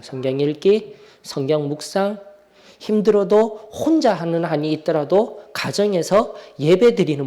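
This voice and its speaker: An earnest church teacher leads a Sunday Bible study, pressing the class with questions. The voice sits at a middle pitch and swings widely as the teacher urges the listeners on. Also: mellow. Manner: earnest, exhorting, asks the class rhetorical questions.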